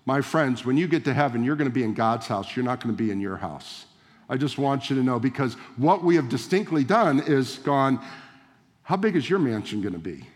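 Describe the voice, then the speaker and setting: Male pastor, mid-pitched voice, conversational sermon, asks the crowd questions, long hall reverb. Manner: conversational preaching with rhetorical questions and direct address.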